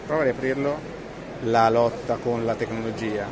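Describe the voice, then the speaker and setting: A medium-pitched man talks at normal speed, animated, joking and conversational, as a tech vlogger chatting to camera while demonstrating products. He films on a handheld phone at arm's length in a large, busy trade fair hall, with crowd noise behind him.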